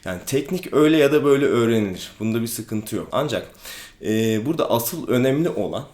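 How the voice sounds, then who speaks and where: A man, an aikido instructor, explains things calmly in a casual vlog, with many hesitant fillers. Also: medium pitch, quick pace. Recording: echoey room.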